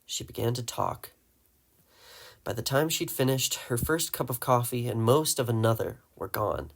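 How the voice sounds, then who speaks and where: A man narrating a story aloud in a steady, measured way. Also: mid-range voice, creaky. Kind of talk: audiobook reading.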